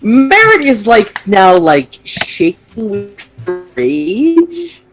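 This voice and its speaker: A man's voice: sits high, very animated, drawn-out words. A man talking casually as a player in a tabletop role-playing game, partly in character. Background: background music.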